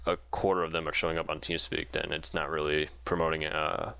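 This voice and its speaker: A man's voice: extremely low pitch, monotone, brisk, vocal fry, bright, forceful tone. A man leading a gaming clan's voice-chat meeting, explaining things in a rambling way with lots of fillers, over a headset mic. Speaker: gaming clan meeting leader.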